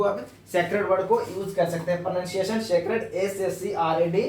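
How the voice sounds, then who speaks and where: Guy teaching english words, spells them out slow and repeats, highish voice, echoey room, a bit far from the mic. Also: darkish tone, a little hiss or hum. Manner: repetitive, spells words out letter by letter. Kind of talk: vocabulary lesson explained in Hindi.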